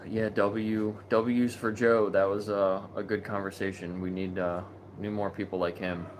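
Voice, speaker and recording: A man with a fairly low voice hosts a casual livestream chat about animal rights. He speaks at a measured pace in a relaxed, chatty way, packed with ums, fillers and small restarts. A steady noise lies beneath the recording.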